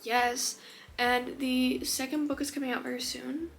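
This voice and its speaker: A woman chatting casually as a book vlogger, gushing and excitable, sometimes dropping to a whisper. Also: high voice, unhurried, creaky. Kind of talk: casual chat. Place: her room. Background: faint rain.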